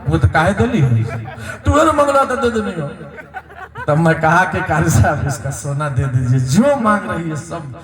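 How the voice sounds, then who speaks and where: A man with a Bhojpuri accent calls out donations at a madrasa gathering, lively and now and then breaking into loud sung verses. His voice sits high. It rings through an echoey space with a crowd murmuring behind him. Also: moderate pace. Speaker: madrasa event fundraiser announcer. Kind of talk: announcing donations at a religious gathering.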